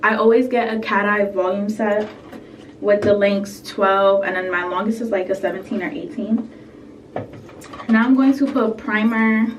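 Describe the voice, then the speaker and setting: A young woman, a beauty vlogger, chats casually through a makeup tutorial at home, full of fillers and asides and sounding a bit sick. Her mid-range voice is steady at normal speed. She's set back from the mic, with roomy echo and slight background noise.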